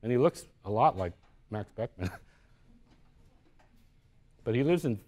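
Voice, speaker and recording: A man with a warm, expressive, mid-range voice speaks at a measured pace. He gives a live lecture in a university room on his own artworks, conversational and thinking aloud, restarting often and checking in with "right?".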